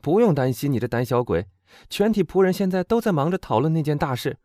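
Guy putting on a confident young woman, brisk and teasing, warm, swings around a lot. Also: a little high, expressive, dry recording, clean studio sound, voice pushed up, natural voice. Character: bold young woman disguising as a man.

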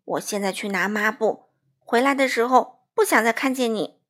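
A woman voicing a stern mother who scolds in a firm, loud voice. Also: a little high, very animated, normal speed, slightly rough, exaggerated voice.

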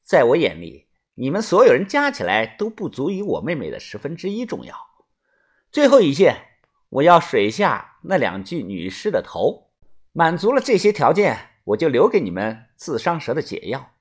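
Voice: medium pitch, breathy edge. A man reading as a cold, scheming woman. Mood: cold, calm. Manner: calm, measured, sneering.

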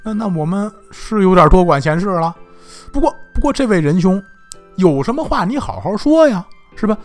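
A man's voice: high-pitched, sing-song, normal speed, soft background music. A male storyteller voicing a good-natured young hero who eagerly talks a stranger out of despair.

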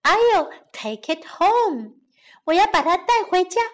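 A woman's voice: very high-pitched, very animated, slow, pitched above the performer's own voice, heavily acted. A woman doing an eager, cheeky young boy. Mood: excited.

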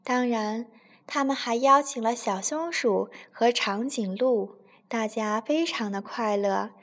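A woman telling a children's bedtime story in a gentle, expressive way. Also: a little high, slow pace.

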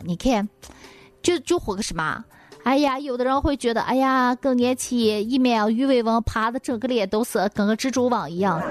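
Animated, folksy woman. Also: a little high. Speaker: host. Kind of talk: comic storytelling monologue.

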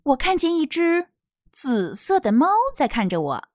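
Higher-pitched woman teaching English. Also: very animated, darkish tone, no echo, clean studio sound. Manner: explains slowly, demonstrating English words. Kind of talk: picture-book pronunciation lesson.

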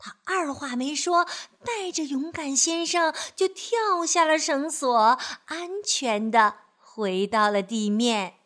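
A woman storyteller reading a picture book aloud to children, gentle and expressive. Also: high-pitched, takes it slowly, few pauses.

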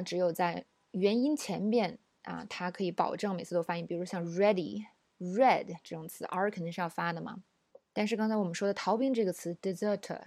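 Female pronunciation teacher, middle pitch, dry close sound, patient explaining and clear model words. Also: darkish tone, dry recording. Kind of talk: recorded language lesson.

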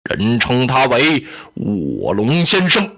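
A male storyteller voicing a loud, hot-tempered burly general who talks bluntly and impatiently, in a Chinese oral storytelling style. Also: huge pitch swings, slow pace, heavily acted. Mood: gruff impatient. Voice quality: booming loud voice. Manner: blunt, impatient, shouting gruffly.

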